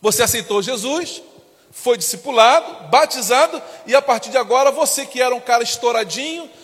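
Male Brazilian pastor, fervent sermon, very high voice, long church echo. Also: fairly quick, husky. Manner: impassioned preaching, acts out quoted voices, bursts into shouts. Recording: long church hall reverb.

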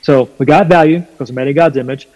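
A man with a Southern US accent and a slight twang, explaining his faith emphatically and deliberately in a preaching style during a conversation. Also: fairly high pitch, a little mellow, lo-fi sound. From North Carolina, USA. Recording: long hall reverb.

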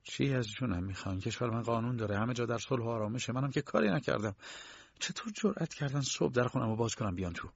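Man doing a shrill, outraged young clerk. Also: animated, creaky, slightly rough, no echo. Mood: bewildered. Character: indignant thirty-year-old male bank clerk, arrested. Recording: dull lo-fi dry recording.

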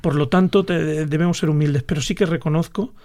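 A man's voice: a little high, fairly even intonation, a little fast, mellow. A man, an artist and guest on a radio panel, speaking reflectively and often ending with tag questions.

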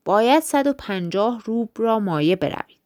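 A woman's voice: a little high, expressive, a little mellow, dry recording, studio quality, close to an everyday voice. A woman voicing a blunt, dismissive male tailor in a storybook reading. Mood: curt.

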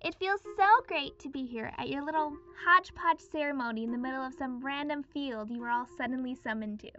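A woman's voice: high voice, brisk, sharp tone. A woman playing a smug, inhuman female cult leader giving a mock-sweet valedictorian speech, heard as if played from a cassette tape. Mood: gleeful smug. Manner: chirpy, mock-sweet, sarcastic asides. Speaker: stand-in valedictorian. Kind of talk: fan audio drama acting. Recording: dull lo-fi tape with faint music.

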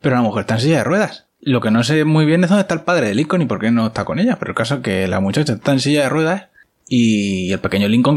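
A man speaks, recapping a TV episode in a relaxed, conversational way. His voice sits in an ordinary middle register. He keeps the tone wry and chatty and tosses in throwaway asides as he goes. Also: medium pitch. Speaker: series recap host.

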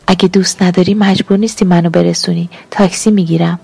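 A woman's voice: on the low side, fairly even intonation, vocal fry, mellow, breathy edge. A woman reading as a hungry, demanding young lover. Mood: coaxing. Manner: pleading then accusing, emotional.

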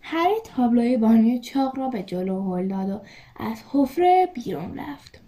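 A woman reading a storybook aloud with measured, expressive narration. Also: fairly high pitch. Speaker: reader.

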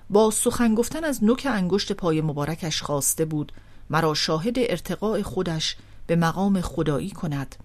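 A woman narrating a literary audiobook in a measured, expressive reading. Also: fairly low pitch.

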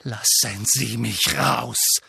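A man voicing a furious, grieving teenage boy wizard who shouts with a trembling voice. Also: medium pitch, steady tone, extremely slow, gravelly, breathy edge, no room sound, studio quality, full character voice.

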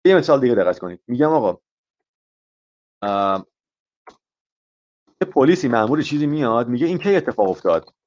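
Man, English teacher, live stream lesson, patient explaining, middle pitch, muffled lo-fi sound. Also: big pitch swings, pauses often, darkish tone. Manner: explains patiently with examples, mixing Persian and English. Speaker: IELTS teacher.

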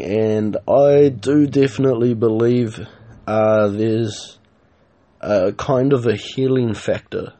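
A man hosting his own podcast, talking casually and rambling, with lots of "uh" and "um" fillers. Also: lowish voice. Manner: relaxed, rambling, many fillers. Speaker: podcast host. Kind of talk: casual solo podcast talk.

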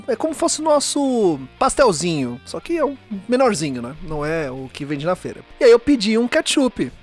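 A man telling an anecdote in a casual interview, acting out the dialogue. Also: high-pitched. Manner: animated storyteller acting out dialogue.

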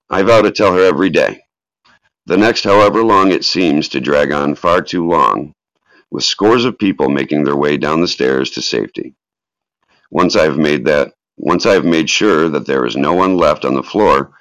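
Hosting a live podcast, this man reads a tribute aloud in a solemn, dramatic way and also chats casually with callers. His voice is extremely low yet a bit bright, at a normal pace, and the recording is echoey and dull, with a lo-fi quality.

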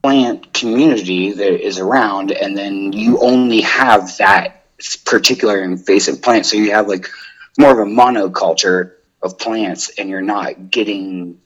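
A husky young man talking as a podcast guest, his voice a bit breathy and rough. He rambles loosely, peppering his sentences with "like" and restarts. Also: lowish voice, unhurried, a bit bright, highs cut off. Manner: rambling, full of "like". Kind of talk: casual interview chat.

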